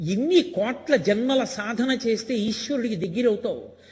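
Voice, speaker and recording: An older man gives a spiritual discourse in a high, ringing voice. He tells stories and drives his points home with emphatic rhetorical questions. His voice carries a long reverb from the hall around him. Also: animated, moderate pace, a little mellow. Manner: storytelling, emphatic and rhetorical, acting out quoted lines. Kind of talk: Telugu religious discourse.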